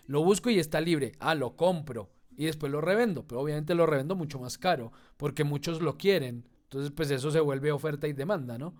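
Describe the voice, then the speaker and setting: An instructor gives an online class lecture in a voice a little higher than most men's. He explains things patiently and often checks in with his students as he goes.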